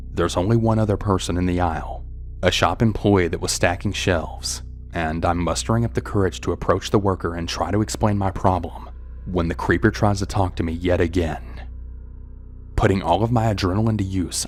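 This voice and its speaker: A man with a deep, low voice narrates a true horror story in the first person, in a scripted style. His telling stays tense and steady, with faint music playing behind him.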